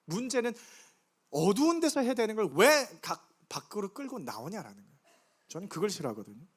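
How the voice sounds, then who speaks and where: High-voiced man preaching a sermon. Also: big pitch swings, a little fast. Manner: conversational, asks the congregation questions. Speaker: pastor. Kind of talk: Sunday sermon. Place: church sanctuary.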